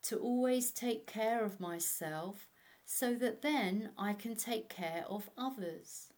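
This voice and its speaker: Slow-paced woman guiding a meditation. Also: mid-range voice, darkish tone. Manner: slow, measured, instructional delivery. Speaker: meditation guide. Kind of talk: guided meditation narration.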